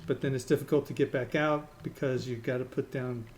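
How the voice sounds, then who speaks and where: A man's voice: mid-range voice, fairly even intonation, fairly quick. Man explaining a game with fillers. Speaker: gamer explaining the game to friends. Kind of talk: casual voice-chat gameplay talk.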